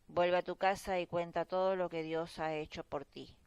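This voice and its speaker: Lady reading as jesus, low calm voice, slow and even, scripture storybook. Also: smooth, no echo, dull audio, close to an everyday voice. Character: calm adult male teacher, Jesus.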